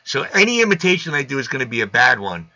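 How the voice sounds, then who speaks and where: A man's voice: medium pitch, big pitch swings, fast talker, vocal fry, pushed and bright. A man hosting a live stream in casual chat, blunt and wisecracking. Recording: dull lo-fi sound.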